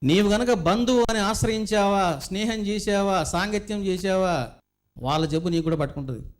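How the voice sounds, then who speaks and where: High-voiced man giving a spiritual discourse. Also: moderate pace. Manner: storytelling, rhetorical questions to listeners. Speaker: spiritual teacher. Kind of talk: devotional discourse.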